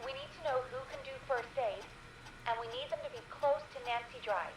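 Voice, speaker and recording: An actress voicing a calm young woman coordinating an emergency in a steady, businesslike way. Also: fairly high pitch, brisk, distant mic, music in the background, lightly acted, low-quality recording. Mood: focused. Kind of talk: video game voice acting.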